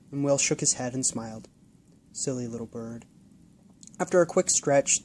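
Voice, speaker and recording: A man narrating a gentle children's story in an even, calm storytelling manner. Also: medium pitch, slight background noise. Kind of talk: scripted narration.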